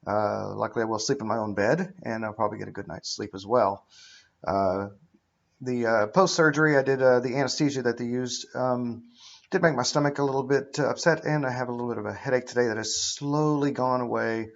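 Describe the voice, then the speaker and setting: A middle-aged man talks casually and haltingly, explaining things in a plain, matter-of-fact manner as a patient would. His voice has an ordinary medium pitch. The sound is dull and lo-fi, like a webcam microphone in a living room. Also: steady tone, vocal fry. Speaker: patient recounting his own surgery. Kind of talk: casual explanatory vlog monologue. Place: indoors, living room with high ceiling.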